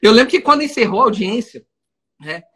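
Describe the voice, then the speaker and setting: A man's voice: extremely high pitch, fairly quick, husky, poor audio. Man telling a story. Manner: animated storyteller, laughs along. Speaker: criminal defense lawyer, podcast co-host. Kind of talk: casual podcast storytelling.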